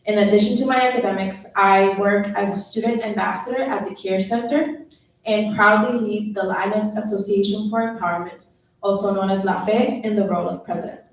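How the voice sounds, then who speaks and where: A woman's voice: medium pitch, steady tone, brisk, a little hiss or hum. A woman in her twenties from Puerto Rico, giving an earnest prepared speech as a student government officer. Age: 20s. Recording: echoey hall, far mic.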